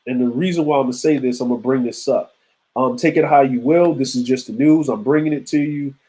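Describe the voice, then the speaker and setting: A man's voice: medium pitch, fairly quick, warm tone, poor audio. Laid-back man in his forties chatting live. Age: 40s. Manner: loose and conversational, street slang, frequent asides to chat. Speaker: show host. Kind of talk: casual live-stream commentary.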